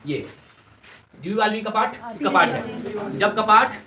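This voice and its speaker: A man's voice: high voice, lively intonation, takes it slowly, bright, forceful tone, slight background noise. A male teacher giving a classroom lecture, constantly quizzing his students and repeating their answers. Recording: echoey classroom, distant mic, students heard.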